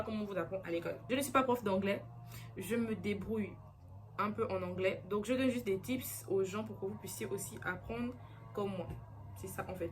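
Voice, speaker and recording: A young woman vlogging in a casual chat to camera, earnest and chatty, repeating herself and using many fillers. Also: medium pitch.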